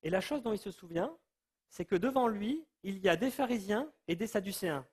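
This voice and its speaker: A man with a fairly high, husky voice teaches from the Bible in a relaxed, chatty way. He tells the passage like a story and acts out each person's lines in turn. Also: a little fast. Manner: lively storytelling, acting out quoted lines. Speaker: preacher.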